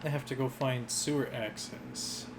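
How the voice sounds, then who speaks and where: A man giving casual gameplay commentary, unhurried and thinking aloud. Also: medium pitch, steady tone. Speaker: gamer. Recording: very noisy, game ambience behind.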